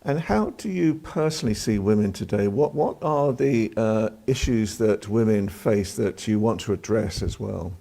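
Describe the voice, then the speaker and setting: Gravelly, warm male TV interviewer. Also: on the low side, normal speed, hardly any pauses. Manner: repeats words when starting questions. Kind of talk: live TV interview questions.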